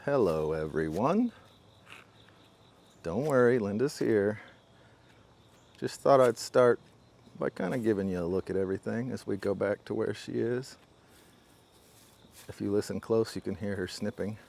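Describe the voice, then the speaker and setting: A man filming a garden walk-through outdoors, narrating in a relaxed, joking way. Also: fairly low pitch, measured pace, gravelly, long pauses. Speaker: camera operator. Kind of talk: casual narration while filming.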